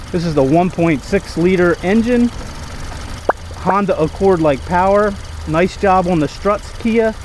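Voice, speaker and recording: A man with a somewhat higher-pitched voice talks through a casual car review. He is conversational and opinionated, repeating words to stress a point. The binaural recording carries noticeable background noise from the car and its surroundings. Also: a little mellow. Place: in and around a car. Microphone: binaural microphones.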